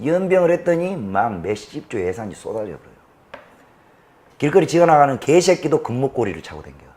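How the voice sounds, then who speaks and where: A man with a Jeolla Korean accent hosting a political commentary show, ranting in a fiery, profane way that swings from shouting to low muttering. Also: sing-song, fairly quick. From Jeolla, South Korea. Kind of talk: political rant to an audience.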